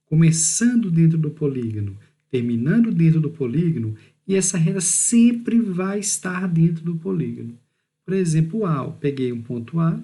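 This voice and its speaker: In a slightly high voice with a dark tone, a Brazilian Portuguese–accented man gives a recorded math class. He explains things step by step, stretches key words out slowly, and asks "beleza?" to check in.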